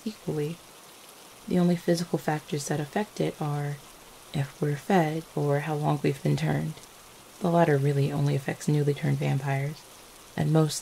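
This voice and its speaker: Voiced by a woman, this ASMR vampire girlfriend is gentle and devoted, full of affection and reassurance, speaking in a tender, somewhat hesitant, soft-hearted way. Her voice is low and mellow with gravelly creak at the edges, and the rough recording carries a faint, steady sound of falling rain.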